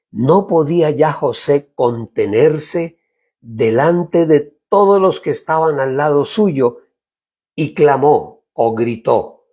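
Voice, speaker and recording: A male pastor preaching a sermon, slow and lively, often asking his listeners to imagine the scene and pausing with hesitations. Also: a little high, husky.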